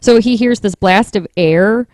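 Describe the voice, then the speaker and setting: A woman's voice: mid-range voice, a little slow, darkish tone, no room sound, clean studio sound. A woman co-hosting a casual chat, retelling a story with fillers and restarts. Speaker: podcast co-host telling the story.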